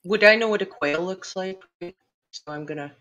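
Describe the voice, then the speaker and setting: A woman's voice: on the low side, moderate pace, fairly bright tone. A woman playing a tabletop role-playing game, describing her character's actions in a playful, giggly way. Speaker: player. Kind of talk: casual tabletop role-play.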